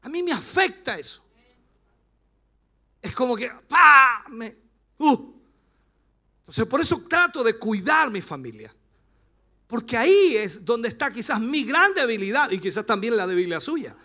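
A man's voice: extremely high pitch, very animated, moderate pace, pushed and bright. A man with a Chilean accent, a pastor preaching a rousing sermon at a church service, full of rhetorical questions and playful asides. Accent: Chilean Spanish.

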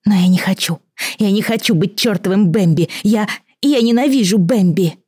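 A woman voicing a frightened young girl who has grown horns, sobbing and pleading in a high, strained voice. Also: moderate pace, mellow, breathy edge, no room sound, clean studio sound, close to an everyday voice. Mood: distraught. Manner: sobbing, pleading, rising to shrieks.

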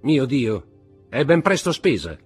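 Cocky young man, fast, clipped, raised pitch, as a male reader voices him, husky, faint music. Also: very animated, exaggerated voice. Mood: boastful. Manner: quick, clipped, offhand.

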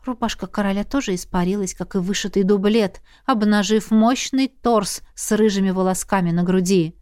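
A woman narrating an audiobook in the first person with even, expressive storytelling. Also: mid-range voice, moderate pace, clean tone, dry recording, clean studio sound.

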